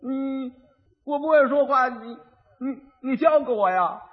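A man's voice: very high voice, measured pace, voice pushed up. A man voicing a dim-witted young rich husband who stutters and repeats his words, on a dull old recording with long reverb. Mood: bewildered.

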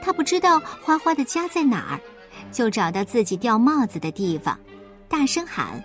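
A woman narrating a children's story in an expressive, lilting storyteller's manner. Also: a little high, moderate pace, faint music behind.

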